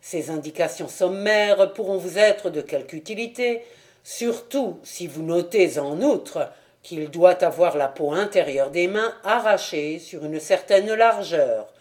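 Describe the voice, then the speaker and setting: A man reading the part of a sharp-minded amateur detective who speaks in a calm, assured way. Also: sits high. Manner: assured, measured.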